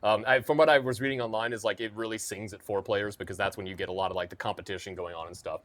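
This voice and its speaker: A man's voice: on the low side, steady tone, fast, fairly bright tone. A man co-hosting a podcast, chatting casually and jokingly about board games with rambling asides. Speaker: podcast co-host.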